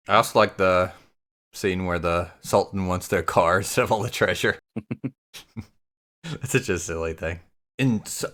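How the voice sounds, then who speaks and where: A man's voice: fairly low pitch, a bit bright. A man hosting a casual movie podcast, easygoing and steering the questions. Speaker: podcast host. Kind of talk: casual movie review chat.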